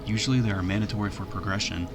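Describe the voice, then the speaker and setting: A man with a low voice narrates a game review. His delivery is informal and plainspoken, with music clearly playing underneath. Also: racing.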